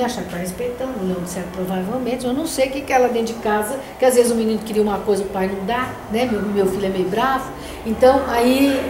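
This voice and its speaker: An older woman leading a spiritist study group, telling stories conversationally and often tagging phrases with a questioning "né?". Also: fairly high pitch. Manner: anecdotal, conversational, frequent "né?". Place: meeting room of a spiritist center. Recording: roomy echo with background noise.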